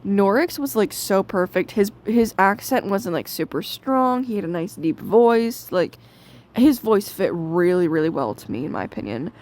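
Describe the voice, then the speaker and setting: A woman's voice: medium pitch, expressive, moderate pace, darkish tone. Brief: young woman host, casual, chatty, opinionated review commentary. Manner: chatty, lots of fillers, opinionated.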